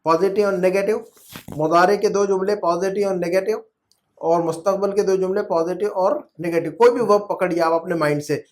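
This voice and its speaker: High-voiced patient male teacher. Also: fairly even intonation. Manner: patient, repeats rules, drills students with questions. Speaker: Arabic grammar teacher. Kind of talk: online class explaining in Urdu. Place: at home.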